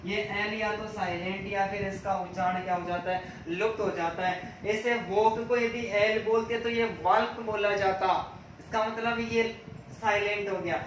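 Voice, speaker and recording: A high-pitched male teacher drills exam points, asking questions aloud and answering them himself. He sounds set back from the mic in a strongly echoing room, with a faint hiss of ambience behind him. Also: steady tone, normal speed. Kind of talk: exam-prep lecture. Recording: echoey room, voice from far off.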